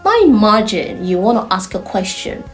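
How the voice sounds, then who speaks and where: A woman's voice: mid-range voice, normal speed, soft background music. A woman with a Nigerian accent giving an online language lesson, emphatic and playful as she explains. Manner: animated, emphatic, playful teaching. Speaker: Chinese language tutor.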